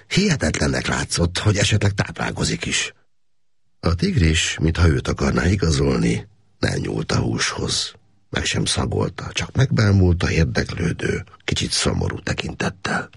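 A man narrating an audiobook with steady storytelling. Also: a bass voice, gravelly, husky, no room sound, studio quality.

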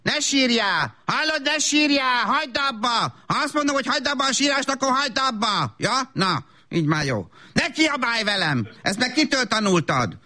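A self-absorbed young mother, played by a man, whose voice sits high and swoops widely. She slides between gushing baby talk and shrill scolding. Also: very animated, few pauses, sharp tone, heavily acted. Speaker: comedian. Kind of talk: comedy sketch monologue.

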